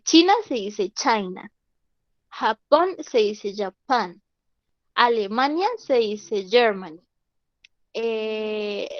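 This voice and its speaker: A woman teaching an online class, her voice a little high. She explains step by step and keeps checking that her students follow. The sound is dry and close, with no room around it. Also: dry recording, dull audio. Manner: patient, repeats "¿listo?" to check understanding. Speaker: English teacher.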